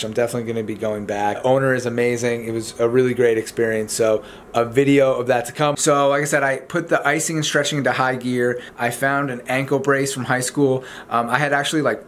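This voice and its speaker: In a casual, chatty vlog, a young man explains things to the camera from a home living room with noticeable background noise. His medium-pitched voice moves quickly with little change in pitch.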